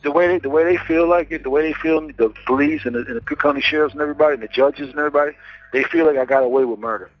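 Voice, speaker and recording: Inmate, male, on a muffled payphone line; rapid, blunt, profane. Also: on the high side, faint music behind. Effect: jail payphone call, phone line. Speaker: jail inmate. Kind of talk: phone conversation.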